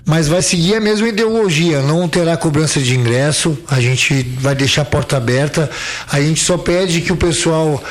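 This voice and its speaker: A man's voice: on the high side, moderate pace. A man from southern Brazil, an event organizer being interviewed on local radio, rambling with restarts and fillers. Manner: rambling, repeats words, many fillers.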